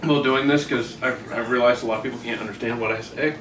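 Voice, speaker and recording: A man's voice: mid-range voice, fairly even intonation, fast, fairly bright tone. A man from the US Northeast with a Vermont accent, chatting casually as an interview guest in a rambling, self-deprecating way. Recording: echoey room, distant mic, noisy background.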